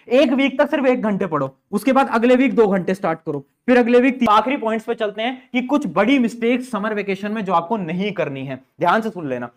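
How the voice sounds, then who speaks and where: A young man giving motivational study advice to students, putting questions to them and answering them himself. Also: high-pitched. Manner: talks directly to students, answers his own questions. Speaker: study guidance youtuber.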